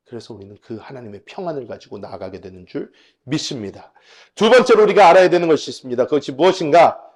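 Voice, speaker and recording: A male pastor preaching a sermon, emphatic, swinging between loud and soft delivery. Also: on the high side, sing-song, quick pace.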